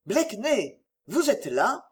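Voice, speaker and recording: Earnest young gentleman, as a reader puts him on, lively voice, audiobook. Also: mid-range voice, slow pace, voice pushed up. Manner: cautious, earnest. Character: loyal young English gentleman, eager. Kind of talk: audiobook reading.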